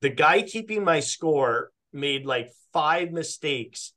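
Animated young man telling a story. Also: on the high side, takes it slowly. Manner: rambling, animated retelling with quoted self-talk and frequent "like". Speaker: podcast guest. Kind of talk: casual storytelling.

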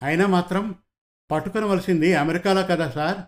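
Male narrator doing a meek young sidekick for an audio story; plaintive and pleading, voice a touch high. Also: steady tone, a little fast, natural voice. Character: meek young male detective assistant, timid.

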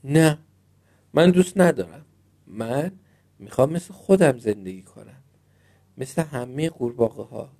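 A man's voice: mid-range voice, lively intonation, pauses often, warm tone. A man voicing a sulky little male frog who was turned into a prince, complaining and stubborn, in a storybook reading.

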